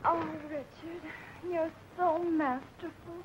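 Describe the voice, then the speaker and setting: An actress playing an adoring but jealous young sweetheart, sugary and indignant, in 1940s screwball comedy film banter. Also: female voice, extremely high pitch, steady tone, slow. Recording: dull, noisy 1940s film soundtrack.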